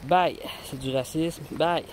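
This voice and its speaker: A woman's voice: low voice, takes it slowly. Québécois woman vlogger, rambling and friendly, phone in hand, light wind-like ambience. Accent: Québécois French. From Quebec. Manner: chatty and rambling, talks to viewers. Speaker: rock-hunting vlogger. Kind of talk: casual outdoor vlog narration. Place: outdoors on a mountain. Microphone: handheld phone camera.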